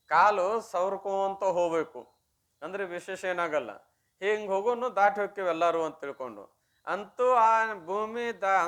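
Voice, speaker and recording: A man with a fairly high voice gives a religious discourse in a North Karnataka Kannada accent. He tells a teaching story in a homely, conversational way. He often throws questions to the listeners and then answers them himself. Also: fairly bright tone. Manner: acts out the story's dialogue. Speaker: swami giving a religious discourse.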